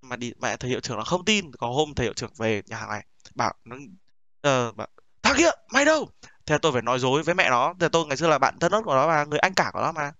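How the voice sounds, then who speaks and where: Young man, streamer, bright edgy voice, dry close sound, cocky joking banter, heavy cursing. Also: medium pitch, rapid-fire, no room sound, dull audio. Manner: boastful joking storyteller, heavy swearing. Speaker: streamer reacting to a video. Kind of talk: casual profane stream banter.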